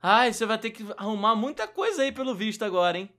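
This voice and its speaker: High, fast frantic Brazilian gamer guy. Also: sing-song. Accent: Brazilian Portuguese. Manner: frantic, shouting during fights. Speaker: gaming YouTuber host. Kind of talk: excited Minecraft let's-play chatter.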